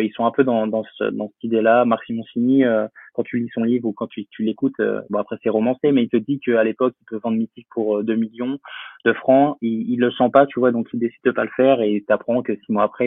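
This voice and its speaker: A man's voice: on the low side, level tone, fairly quick, husky, dry recording. A young man, a guest in a casual interview, talking with many fillers, hesitations and restarts over a remote call. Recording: tinny phone-like line, dry.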